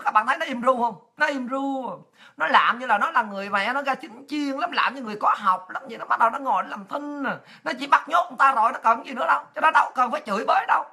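A woman's voice: fairly high pitch, bright, forceful tone, breathy edge. A woman, delivering a blunt, scolding political monologue full of exclamations and coarse slang. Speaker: political commentary host. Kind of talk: impassioned monologue.

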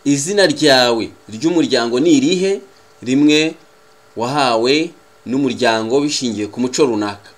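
A medium-pitched man, native in Kinyarwanda and carrying a Rwandan accent, teaches English. He takes a deliberate approach to the lesson, enunciating carefully as he repeats phrases.

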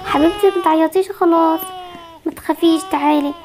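A woman's voice: extremely high pitch, steady tone, fast, background noise. A woman voicing Barbie, an anxious, protective young mother with an Egyptian accent, fretful and soothing in an amateur game movie. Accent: Egyptian Arabic.

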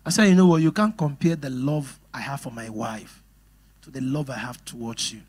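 A middle-aged pastor with a Nigerian English accent preaches on marriage, animated and frequently laughing as he addresses the congregation directly. His voice is medium-pitched with a breathy edge, and his pace is moderate.

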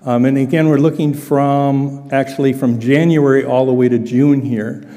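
An older man giving an informal financial report to a congregation, talking haltingly with many fillers and restarts. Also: medium pitch, fairly even intonation, mellow. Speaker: church finance presenter. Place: large church sanctuary, indoors. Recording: long church hall reverb.

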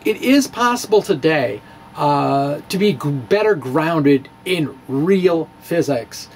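A middle-aged amateur physicist and video blogger gives a dramatic, loosely conversational reading of his personal blog, talking slowly in a higher-pitched voice. He sits close to a handheld-style dynamic mic on a stand in a small indoor room with bookshelves, with slight background noise.

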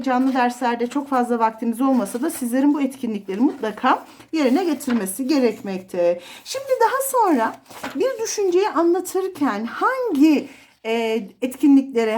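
A woman literature teacher giving an explanatory exam review lesson, listing terms with frequent fillers. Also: high voice.

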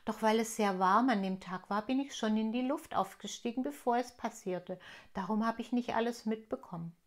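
A woman reading aloud, voicing a friendly, wise male water drop from a children's storybook in a raised, bright voice. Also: fairly high pitch, moderate pace, close to an everyday voice.

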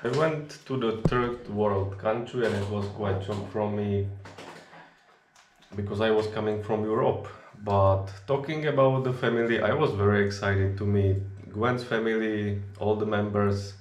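A young Czech man, a native Czech speaker, chats casually in relaxed non-native English as a vlogger. He's filming himself at arm's length in a small kitchen, and his lowish voice comes across a little slow and reverberant.

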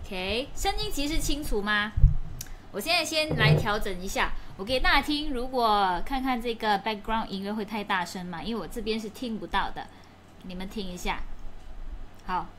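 A woman's voice: medium pitch, normal speed, fairly bright tone, slight background noise. A woman hosting a casual livestream, greeting viewers one by one by name, chatty and upbeat. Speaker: livestream host.

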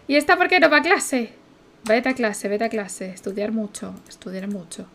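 A young woman talks through a life-sim game in loose commentary from her home setup. Her voice sits somewhat high, and she talks in a chatty, playful way, swearing freely and chanting repeated words at a desk mic. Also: sing-song, normal speed, fairly bright tone, a little hiss or hum. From Spain. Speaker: streamer. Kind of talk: casual gameplay commentary.

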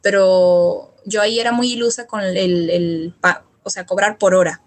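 A woman's voice: mid-range voice, fairly even intonation, normal speed. A young woman from Latin America, a guest telling her story in a casual interview, hesitant with many restarts. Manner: hesitant, many restarts and fillers, quotes her own past words. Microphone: studio microphone.

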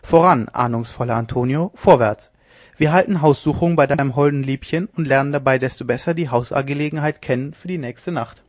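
A man's voice: mid-range voice, fairly quick, dry recording, clean studio sound, lightly acted. A man reading an audiobook, voicing a reckless, mocking young lieutenant who talks in an exuberant, theatrical way. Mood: eager. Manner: exuberant, theatrical, loudly teasing.

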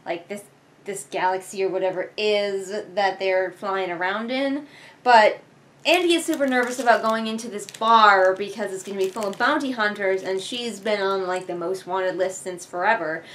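Speaking from her living room couch, this young book reviewer reads along and offers loose, sarcastic remarks, cursing casually as she goes. Her voice sits in the mid-range with a fairly bright tone and a moderate pace. The camera capturing her is a few feet off, so the indoor sound comes through noisy.

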